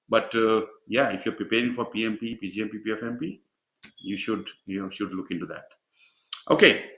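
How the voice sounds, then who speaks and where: Bright-voiced man hosting a webinar. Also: fairly low pitch. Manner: chatty, rambling, with many fillers. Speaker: webinar host and exam mentor. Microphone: video call. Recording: dull, echoey video call audio.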